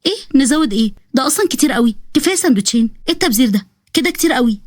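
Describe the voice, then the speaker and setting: A woman voicing a sharp-tongued young woman shopkeeper in an Egyptian story reading, with an Egyptian accent and snappy retorts. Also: sits high, animated, very fast, no room sound, clean studio sound. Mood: curt. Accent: Egyptian Arabic.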